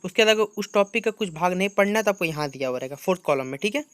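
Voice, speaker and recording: In a screen-share walkthrough, a male teacher goes over a syllabus with students in a high, expressive, fairly bright voice, speaking rapid-fire. The recording is dry and his tone clean, and he mixes Hindi with English terms, repeating "ठीक है" and "आपको".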